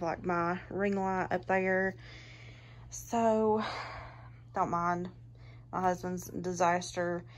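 Young woman, casual home vlog, rambling chatty talk, handheld phone in a small bedroom. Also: mid-range voice. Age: 20s. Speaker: vlogger. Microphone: phone camera held in hand.

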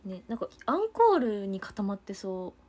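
A woman's voice: medium pitch, sing-song, moderate pace, mellow. A young woman with a chatting casually to fans on a livestream, giggling often.

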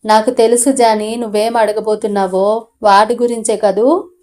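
Storybook: woman voicing a sarcastic, short-tempered father, scolding, a little high. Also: level tone, moderate pace, warm tone, lightly acted. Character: stern short-tempered middle-aged village father.

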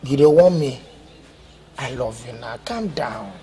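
A man's voice: medium pitch, expressive, a little slow, mellow, close to an everyday voice. An actor with a Nigerian accent playing a cheeky, lovestruck young male student who begs a girl to date him in rambling pidgin. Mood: pleading. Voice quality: pleading, playful, rambling. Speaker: student suitor. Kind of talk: comic film acting.

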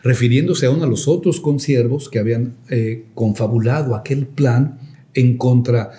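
Mellow-voiced pastor telling a testimony. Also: male voice, medium pitch, normal speed. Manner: reflective storytelling with hesitant fillers, rising to emphatic preaching.

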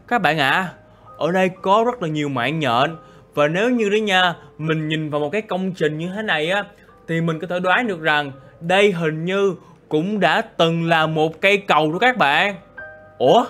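A man narrating a Minecraft role-play, excitable and full of exclamations and asides to viewers. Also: high-pitched. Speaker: gaming YouTuber.

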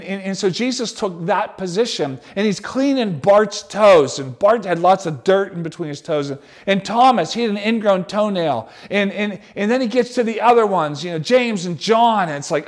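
A male pastor, preaching a sermon in an animated, conversational way, often restarting his sentences. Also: high-pitched.

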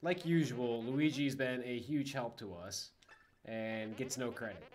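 A man chatting casually while playing a video game on stream, reacting out loud as he goes. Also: medium pitch, measured pace, a little hiss or hum. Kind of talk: casual gameplay commentary. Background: game music.

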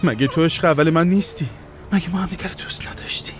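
A man's voice: fairly high pitch, natural voice. A man playing a wheedling, manipulative ex-lover. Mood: pleading. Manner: coaxing, wheedling, then pleading. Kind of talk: dubbed TV drama. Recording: music playing under the voice.

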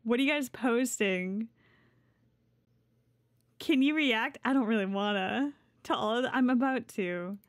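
A woman with a fairly high voice streams casually as a VTuber, chatting live in a playful, giggly gamer-girl style with plenty of swearing. She speaks at a measured pace and pauses often, sitting close to the mic with no room sound.

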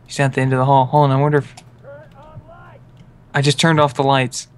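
A man's voice: mid-range voice, completely flat delivery, smooth. A young man joking and calling out enemies while playing a co-op stealth game with a friend. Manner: playful, goofy, gives quick callouts. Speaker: gaming co-host. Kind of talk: casual co-op gameplay commentary.

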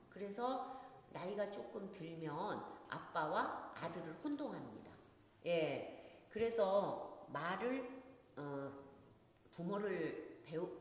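A middle-aged woman who writes children's stories, giving a lecture on reading stories aloud, with a lively delivery that acts out scolding parents. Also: on the low side. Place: lecture hall. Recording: echoey lecture hall, faint noise.

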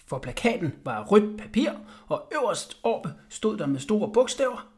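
A man reading a children's bedtime story aloud in an expressive way. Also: sits high. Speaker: audiobook reader.

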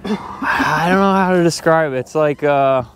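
A man chatting excitedly while fishing outdoors on a boat, cheering his catches. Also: a little high, a little slow, slight background noise. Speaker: angler and channel host. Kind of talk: casual chat while fishing.

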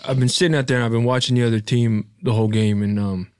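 A man playing an earnest, put-upon basketball player in improvised comedy, pleading haltingly. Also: medium pitch, fairly even intonation, clear, resonant tone, no echo, clean studio sound, close to an everyday voice.

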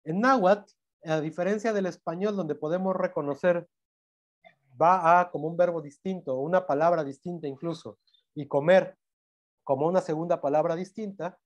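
A man's voice: fairly high pitch, fairly even intonation, normal speed, lo-fi sound. A man lecturing in a Mexican Spanish accent, explaining grammar step by step with frequent self-corrections and check-in questions. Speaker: university language teacher.

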